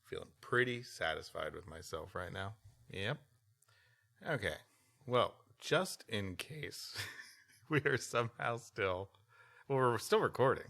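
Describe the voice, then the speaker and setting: Gravelly and fairly low yet fairly bright, this man speaks slowly and animatedly, pausing often. As a podcast co-host, he reads a history story aloud between bouts of wry, rambling banter.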